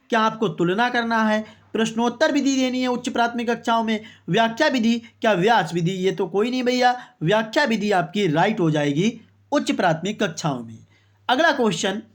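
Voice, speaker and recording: An online exam-prep teacher leading a quiz-style coaching lesson, who calls viewers brother and friends, reads out each answer option as a rhetorical question, and keeps adding "okay, exactly" between answers. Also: mid-range voice.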